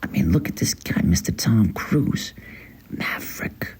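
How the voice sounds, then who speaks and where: Man acting a breathy, awestruck movie fan. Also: low voice, big pitch swings, unhurried, a little mellow, full character voice. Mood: hushed awe. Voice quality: breathy, half-whispered. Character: awestruck middle-aged male movie fan, reverent and gushing. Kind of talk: acted monologue.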